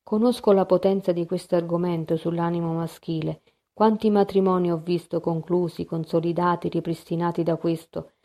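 A fussy male go-between, read by a woman speaks with emphatic exasperation in an audiobook. The voice is lowish and mellow but pushed a little louder and more animated. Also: normal speed, lightly acted. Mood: exasperated. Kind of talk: audiobook reading.

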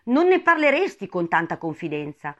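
A woman's voice: on the low side, normal speed, muffled recording. A woman voicing an eccentric male hatter, scornful and rambling in a storybook reading. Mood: scornful, excited. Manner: animated, indignant, rambling.

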